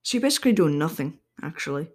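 Quick and sing-song, this young Australian man's voice sits on the high side. He runs a solo podcast, rambling casually with lots of ums and likes, occasionally drifting away from his home microphone.

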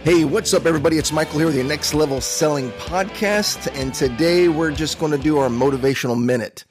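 A man's voice: a little high, a little fast, music in the background. A man hosting a podcast, telling a motivational story in an earnest, conversational way. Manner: earnest, conversational, with fillers and restarts. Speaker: podcast host.

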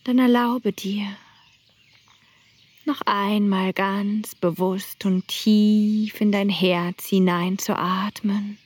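A woman guiding a breathing meditation in a soft whisper. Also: mid-range voice, husky, dry recording. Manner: soft whispering, slow and calm. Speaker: meditation guide.

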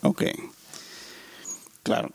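A soft-spoken man from Venezuela with a Venezuelan accent, chatting casually and joking about himself on a podcast. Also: very slow, no room sound. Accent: Venezuelan, picking up a Chilean lilt. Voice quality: soft-spoken, low volume. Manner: joking, self-mocking. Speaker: podcast co-host. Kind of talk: casual chat.

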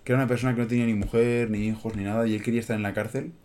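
Quick-talking young man. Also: lowish voice, level tone, a little mellow, slight background noise. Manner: chatty, peppers lines with "tío" and "en plan". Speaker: podcast co-host. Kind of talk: casual chat.

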